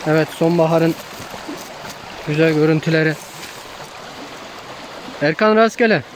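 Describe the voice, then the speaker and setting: A man narrating his fishing trip outdoors on a stream bank in a calm, casual way, giving tips to viewers while filming first-person. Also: fairly high pitch, measured pace, slight background noise. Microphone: handheld camera filming first-person.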